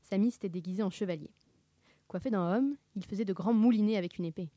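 A woman reading a children's book aloud, expressive and dramatic, sometimes dropping to a hush. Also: medium pitch, fast talker, dry recording, studio quality. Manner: expressive, dramatic narration with hushed whispers. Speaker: reader.

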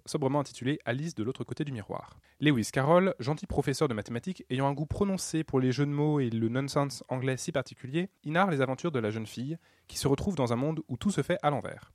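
A man's voice: on the high side, no room sound, clean studio sound. A man hosting a radio show, reading scripted links in a wry, joking way. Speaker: radio host.

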